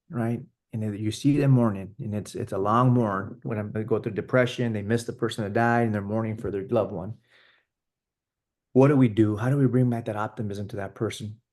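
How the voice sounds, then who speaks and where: A man's voice: lowish voice, dark tone. A man co-hosting a casual talk show, telling a story earnestly with frequent restarts. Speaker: podcast co-host. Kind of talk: casual conversation.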